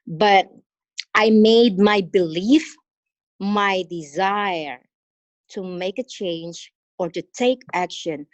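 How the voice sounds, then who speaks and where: On a video call, an exchange teacher from the Philippines shares her experience in a motivational online-meeting talk. She is a Filipina woman who speaks slowly, earnestly and encouragingly, pausing often and using fillers, in a mid-range voice. The sound is lo-fi, with no room sound.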